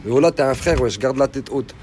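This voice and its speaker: A man's voice: mid-range voice, brisk, darkish tone. Man in French suburban street slang, noisy background. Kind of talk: casual chat.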